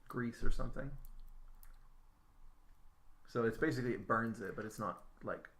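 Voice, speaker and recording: A man running a tabletop game as game master, narrating in a relaxed, hesitant way with many fillers. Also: medium pitch, normal speed. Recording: roomy, noisy home recording.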